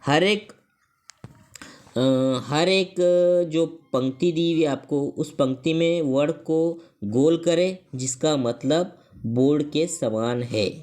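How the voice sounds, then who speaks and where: A teacher with an Indian accent takes an online English class at a very unhurried pace. Each English definition is read out slowly and word by word, then explained again in Hindi, with a middle-pitched voice. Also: a little mellow.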